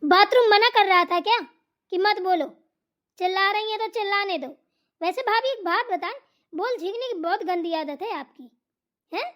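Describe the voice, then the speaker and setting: A woman's voice: extremely high pitch, moderate pace, fairly bright tone. A woman voicing a sleepy, complaining young sister-in-law in a cartoon comedy, whiny and sulky. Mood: taunting.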